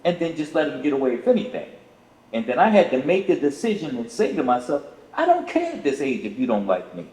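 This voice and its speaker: Older man, fatherly podcast guest, animated delivery, roomy recording with long reverb. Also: mid-range voice, fast talker. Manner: earnest, fatherly, emphatic. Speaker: father of the co-host. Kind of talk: casual podcast conversation. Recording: echoey room with long reverb.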